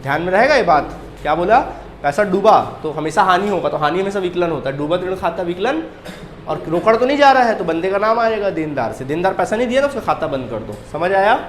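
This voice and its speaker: A man teaches an accounting class in a high voice, throwing questions at his students and answering them himself. He drills key terms by repeating them over and over. The room sounds echoey, with a faint hiss of ambience behind him. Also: expressive, fast talker. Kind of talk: classroom lecture.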